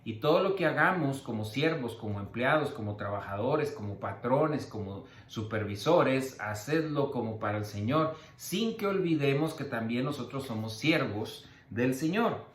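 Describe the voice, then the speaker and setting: A male pastor teaches verse by verse in a roomy, echoing church hall. His voice sits at an ordinary middle pitch, and he drags out key terms slowly and repeats them for emphasis. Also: animated. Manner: teacherly, slow emphatic word-by-word explanations. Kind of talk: Bible-study sermon.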